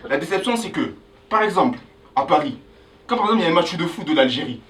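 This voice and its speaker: A young man from Angola doing a stand-up comedy set on a club stage, loudly hyping the crowd between jokes. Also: a little high, quick pace, far from the mic, low-quality recording. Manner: animated, hyping the crowd with loud calls. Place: comedy club stage before a live audience.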